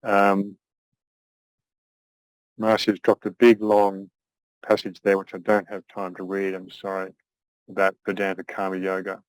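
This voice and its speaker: An older man teaching an online class, speaking thoughtfully with frequent pauses and restarts. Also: sits low, monotone, clear, resonant tone, dry recording, rough recording. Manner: thoughtful, halting, many restarts. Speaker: astrology teacher.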